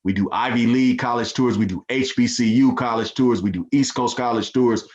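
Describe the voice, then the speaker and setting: A man speaking as a podcast guest in a relaxed, laid-back way, with lots of fillers. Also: medium pitch, a little fast. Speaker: guest, nonprofit founder. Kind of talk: casual interview chat. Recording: dull lo-fi sound.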